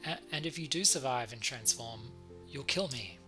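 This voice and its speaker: Gentle, worried male unicorn read by a man for a visual novel: soft, halting, bright-edged, music behind. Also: mid-range voice, animated. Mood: grave.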